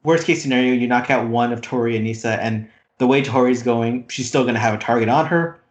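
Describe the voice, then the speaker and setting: A man's voice: medium pitch, quick pace. Casual male podcast co-host, rambling recap, echoey room. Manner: rambling, many "like" fillers, animated retelling. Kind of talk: casual chat recapping a reality show. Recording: roomy echo.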